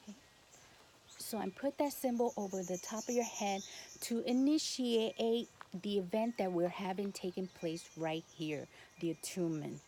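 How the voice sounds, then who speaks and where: A woman with a Spanish accent gives guided spiritual instruction to the camera as a Reiki teacher, speaking non-native English in short, halting phrases. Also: medium pitch, warm tone. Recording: noticeable background noise.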